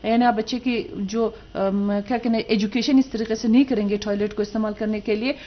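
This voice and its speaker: A woman's voice: a little high, steady tone, muffled recording. A woman doctor, a guest on a TV morning show, giving expert advice in a patient, explanatory way with frequent fillers. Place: TV studio.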